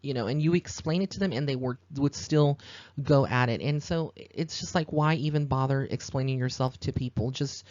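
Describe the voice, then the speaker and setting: The American psychic medium from Texas goes on at length on his podcast, rambling in an informal, earnest way. His voice sits mid-range and sounds a little mellow, in a dry, lo-fi recording.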